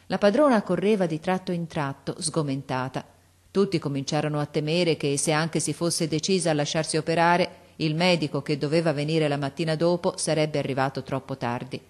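A woman narrating a classic story in an expressive, measured way. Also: low voice. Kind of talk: audiobook narration of a classic novel.

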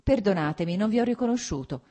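Woman reading as a lively, graceful young noblewoman. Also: mid-range voice, fast talker, voice pushed up, natural voice. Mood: warm, playful. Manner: polite, lightly playful.

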